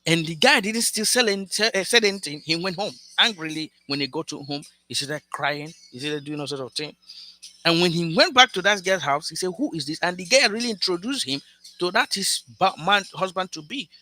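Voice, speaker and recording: A man's voice: high-pitched, lively intonation, a little fast, sharp tone. A man telling a cautionary love story to camera in an earnest, lecturing way, speaking straight to his viewers and often restarting his words. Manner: frequent restarts and repeated words. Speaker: vlogger giving relationship advice.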